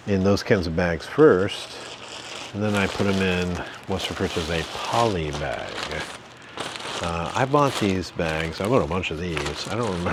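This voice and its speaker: Down in his basement, a low-voiced channel host who resells stuff chats through a casual home vlog, joking around folksily and using plenty of fillers. Heavy background noise runs through the clip.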